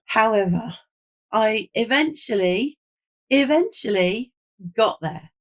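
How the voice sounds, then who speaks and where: A British woman hosting a casual, chatty craft vlog with a hoarse, croaky frog voice, as if she has nearly lost it. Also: a little high, lively intonation, slow pace. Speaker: host of a craft video.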